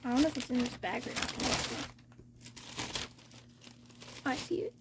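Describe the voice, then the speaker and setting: A woman chatting casually as she hosts an unboxing, speaking in a monotone with little stress on her words. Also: a little high, racing, very noisy. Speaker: K-pop album unboxing host. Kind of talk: casual chat, unboxing commentary.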